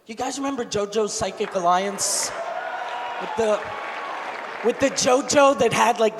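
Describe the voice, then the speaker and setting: A man performing a crude stand-up comedy set on a large theater stage, talking loudly into a handheld mic, shifting between shouting and low muttered asides. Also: gravelly. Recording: live hall with reverb, audience noise.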